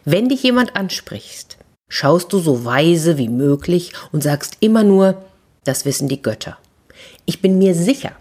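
A yearning female horse from a children's fairy tale, voiced by a woman storyteller. She sighs over her captivity and then hatches plans in a low, husky, half-whispered tone. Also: moderate pace, a little mellow. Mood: excited. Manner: wistful, then eagerly conspiratorial. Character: lonely caged female horse, yearning for freedom. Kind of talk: storybook reading.

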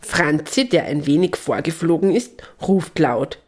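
A woman reading a children's Christmas story aloud, calm and gentle. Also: low-pitched, a little slow.

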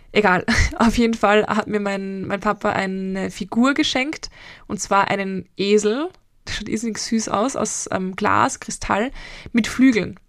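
A woman's voice: mid-range voice, vocal fry, no echo, clean studio sound. A woman in her twenties with an Austrian accent, a mental coach hosting a reflective solo podcast, talking in a rambling, personal way with frequent hesitations. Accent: Austrian German. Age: 20s.

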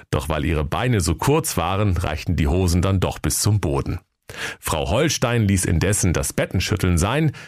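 Male narrator, northern German, low and animated, playful comic storytelling. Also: no room sound, clean studio sound. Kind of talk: comic fairy-tale narration.

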